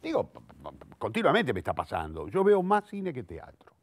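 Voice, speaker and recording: A mid-range man's voice with wildly swooping pitch speaks at normal speed. In his sixties and a playwright, director and theatre teacher, he has a Rioplatense Argentine Spanish accent and talks reflectively and eloquently in an interview, thinking aloud, correcting himself, and often repeating words as he hunts for the next.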